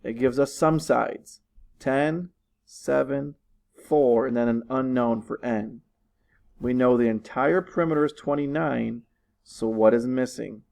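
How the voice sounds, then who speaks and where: Gravelly-voiced male teacher. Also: medium pitch, fairly even intonation, unhurried, darkish tone, poor audio. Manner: patient, repeats instructions, talks to students. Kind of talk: recorded online lesson walkthrough. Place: living room at home.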